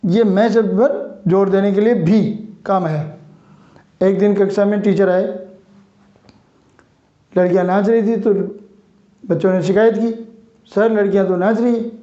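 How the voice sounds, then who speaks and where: Slow, high-voiced man teaching grammar. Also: fairly even intonation, mellow. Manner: slow, deliberate listing of examples. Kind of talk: grammar lesson. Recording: roomy, dull lo-fi sound.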